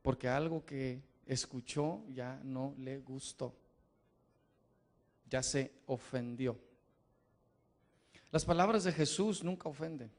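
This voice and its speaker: A middle-aged man preaching a sermon to a live congregation in a church, emphatic, repeating his questions and building up to shouts. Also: mid-range voice, takes it slowly, long pauses.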